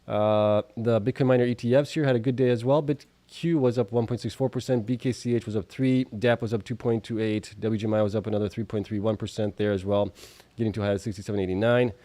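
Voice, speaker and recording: Fast-paced and steady in tone, this man's lowish, mellow voice carries no echo. He hosts a stock market video show, giving a casual recap with informally read figures and offhand asides, slightly affected by allergies that make him cough and sniffle.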